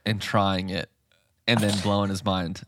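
A man's voice: sits low, level tone, a little slow, no room sound. A man in his thirties chatting casually on a podcast, telling self-mocking stories and laughing often. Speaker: podcast host. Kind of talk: casual chat.

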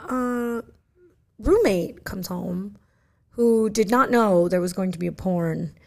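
A woman's voice: mid-range voice, slow pace, gravelly. A woman guest on a podcast, telling a story from her film career in a rambling, casual way, full of fillers and restarts.

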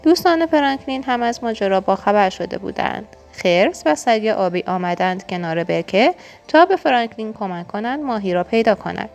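A woman's voice: mid-range voice, animated, gravelly, soft background music. Woman reading a children's story.

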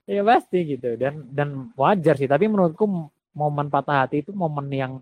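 A man talking about songwriting in a casual conversation, reflective and halting, restarting his sentences. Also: fairly high pitch, expressive, darkish tone, dry recording.

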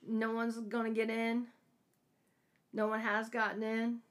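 A woman's voice: fairly high pitch, monotone, measured pace. A woman co-hosting a casual book discussion, talking hesitantly and trailing off with fillers. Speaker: book podcast co-host.

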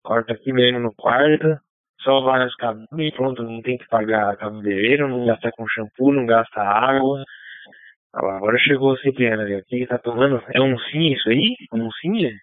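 A man's voice: medium pitch, fairly quick, no echo. A Brazilian man in casual, rambling chat as a participant on an amateur radio net, heard over the radio. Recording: phone-like narrowband radio audio.

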